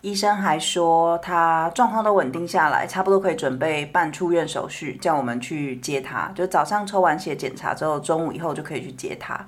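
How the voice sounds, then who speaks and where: A woman with a Taiwanese Mandarin accent, co-hosting a casual chat and recounting events calmly. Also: low voice, fairly quick, few pauses. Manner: calm, matter-of-fact recounting. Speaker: podcast co-host.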